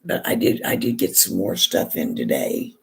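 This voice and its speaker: A hoarse woman with a gravelly, raspy voice, chatting in a rambling way and restarting often while she does her makeup for a vlog. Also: a bass voice, sing-song, normal speed. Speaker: beauty vlogger. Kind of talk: casual chat while doing makeup.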